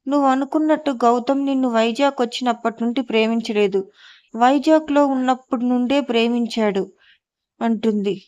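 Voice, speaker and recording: A woman with a fairly high voice reads a novel aloud, moving through narration and dialogue in an even, steady way. The recording is dry and close, with a dull, lo-fi tone. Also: no echo. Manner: plain even reading, voicing dialogue lightly. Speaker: storyteller.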